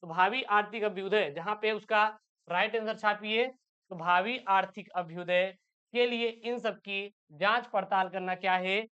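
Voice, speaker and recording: Smooth-voiced teacher. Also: male voice, high voice, steady tone, bright, forceful tone, highs cut off. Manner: asks questions and answers them himself; reads set texts aloud slowly. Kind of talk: exam-prep video lesson.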